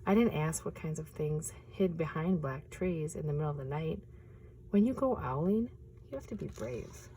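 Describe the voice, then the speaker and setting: A woman who tells stories at a nature preserve reads from a picture book outdoors among the trees, keeping her delivery quiet yet expressive at a moderate pace. Her tone is mellow and a bit low, occasionally sinking into a whisper. The recording is low in quality, with a faint hiss of noise underneath.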